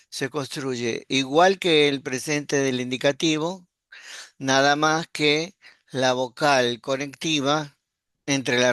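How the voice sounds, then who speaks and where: Male language teacher, smooth clear voice, unhurried online lesson. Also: mid-range voice, fairly bright tone, no room sound, clean studio sound. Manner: patient, explanatory, checks in with "¿sí?". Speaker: Greek teacher. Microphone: computer mic while screen sharing.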